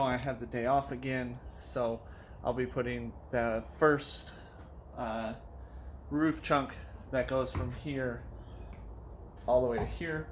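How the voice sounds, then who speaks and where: There's slight background noise behind this mid-range male voice. Sitting in a car in a garage, a hobbyist car audio vlogger casually rambles through his build, winded, repeatedly correcting himself and filling gaps with fillers.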